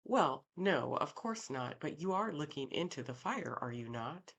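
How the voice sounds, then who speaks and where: A woman doing a pushy young podcaster guy in his twenties, keen and eager, voice pitched up a bit, still fairly low. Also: sing-song, a little slow, a bit bright, exaggerated voice.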